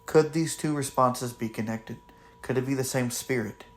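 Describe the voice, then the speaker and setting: A man hosting a spirit box session, commenting to viewers in deliberate, halting phrases with pauses. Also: mid-range voice. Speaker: paranormal investigator and host.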